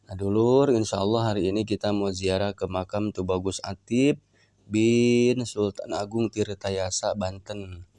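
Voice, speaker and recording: Low, mellow Sundanese religious teacher. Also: male voice, fairly even intonation, a little slow, dry recording. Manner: folksy, explains in plain talk. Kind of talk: kitab reading lesson. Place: shrine visit.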